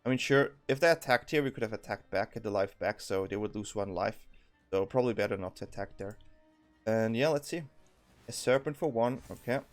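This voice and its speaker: With soft background music, a young man with a Swiss accent provides offhand, thinking-aloud commentary on his card game, often saying um and restarting or correcting himself. His voice is lowish and his delivery brisk.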